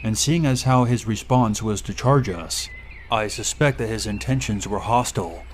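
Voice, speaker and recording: A man reading a first-person horror story aloud in a steady, measured way. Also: on the low side, slight background noise. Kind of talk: scripted horror story narration.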